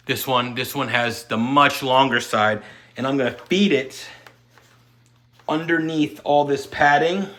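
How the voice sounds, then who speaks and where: A man with a medium-pitched, slightly bright voice walks through an installation step by step. The tutorial is unscripted, and he talks while working with his hands.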